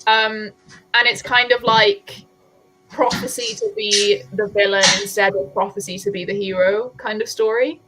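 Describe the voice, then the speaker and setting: A woman's voice: medium pitch, expressive, normal speed, over loud music, rough recording. A woman chatting informally and candidly about books. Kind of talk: casual, sweary book chat.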